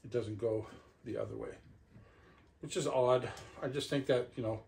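This is a casual living-room unboxing by a middle-aged reviewer who talks partly to himself as he handles the gear. He speaks at normal speed with a medium, slightly mellow voice, and the audio has clicks and clear background noise.

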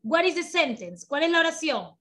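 A woman teaching English to children over a video call, encouraging and slow, switching between English and Spanish. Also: sits high, sing-song, bright, forceful tone. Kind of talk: online children's class.

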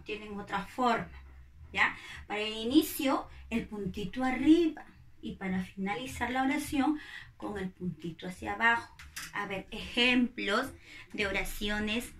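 A woman's voice: mid-range voice, reverberant, a little hiss or hum. A woman primary school teacher, giving a recorded grammar lesson to young children and patiently asking questions that she answers herself.

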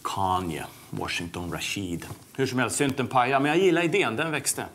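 Brash, swearing male braggart and huckster, brassy and loud. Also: mid-range voice, lively intonation, far from the mic, slight background noise. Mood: boastful. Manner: swears constantly, brash and boastful. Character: crude boastful male wannabe musician and salesman. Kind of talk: sketch comedy acting.

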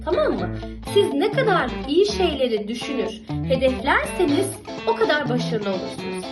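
A woman's voice: high-pitched, very animated, normal speed, music in the background, rough recording. A young woman teaching a math lesson to young children, patient and encouraging, often repeating and checking that they follow. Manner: encouraging and affectionate toward pupils.

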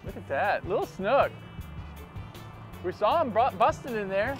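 A middle-aged man hosting a fishing show, chatting casually and getting excited from a small boat out in a canal. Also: high-pitched, a little slow, soft background music. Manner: excitable, whoops when fish bite. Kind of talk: casual on-the-water chat.

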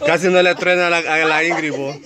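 A man's voice: on the high side, steady tone, fairly quick, over a noisy crowd. A man, teasingly commenting on a group game in casual banter, outdoors among a noisy group. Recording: loud background noise.

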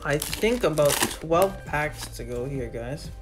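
A woman hosting a casual card-opening video, reading off names one after another in a steady list at her desk. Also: low voice, slow. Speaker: channel host opening trading card packs. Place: indoors at a desk with a card display wall. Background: background music.

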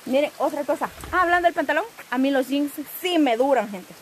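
A woman telling a rambling, animated story to her vlog audience while outdoors. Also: high voice, a little fast, a little hiss or hum. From El Salvador. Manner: rambling, animated, self-teasing. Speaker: vlogger.

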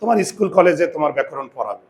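A man teaching a grammar lesson, asking students rhetorical questions and slowly stressing and repeating key words, with confident asides. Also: fairly high pitch, very animated, darkish tone. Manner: addresses students directly with frequent rhetorical questions. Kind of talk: classroom-style video lesson.

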